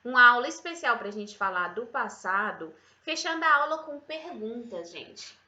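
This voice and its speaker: A woman English teacher giving a chatty, affectionate online grammar lesson, slowing right down when she models English example sentences. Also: a little high, animated, bright, forceful tone. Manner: chatty, affectionate, calls viewers "meu bem" and "gente". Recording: echoey room, slightly dull sound.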